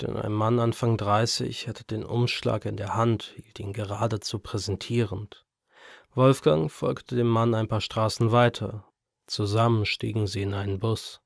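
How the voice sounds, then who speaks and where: A man reading a horror story as narrator in a measured, even storytelling manner. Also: on the low side, vocal fry, no echo, clean studio sound.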